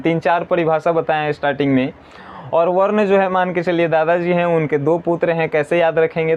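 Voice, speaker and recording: A man teaching an exam-prep grammar lesson, slowly repeating definitions and answering his own questions. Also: a little high, darkish tone, clear, resonant tone, dull audio.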